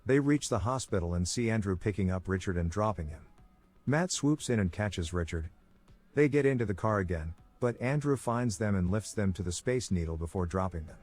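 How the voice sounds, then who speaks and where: A man giving a scripted narration, with a steady, even storytelling delivery. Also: on the low side, a little fast, faint music behind. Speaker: movie recap narrator.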